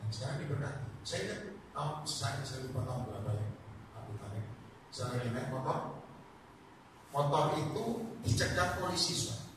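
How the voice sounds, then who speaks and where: A man's voice: mid-range voice, a little fast, pauses often. A man preaching as an evangelist at a home prayer meeting, telling stories animatedly and calling out to his listeners. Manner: animated storytelling, addresses listeners as brothers. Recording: echoey room, distant mic, noisy.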